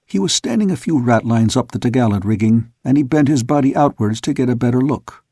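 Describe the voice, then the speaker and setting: A male audiobook narrator telling the story at a steady, measured pace. His voice is gravelly and husky, set in a dry recording with no room echo. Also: mid-range voice. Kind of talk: scripted narration.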